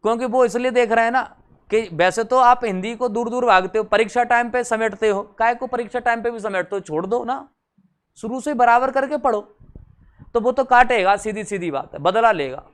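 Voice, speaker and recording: A man's voice: very high-pitched, normal speed, smooth. A young adult man teaching a grammar lesson for exam prep, chatty and teasing, often quizzing his students.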